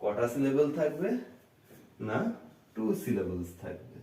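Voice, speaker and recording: A man teaching an English grammar lesson, breaking words slowly into syllables and answering his own questions to the class. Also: mid-range voice, animated, mellow. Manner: asks the class questions and answers them himself. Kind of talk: classroom lecture. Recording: roomy echo, voice from a distance.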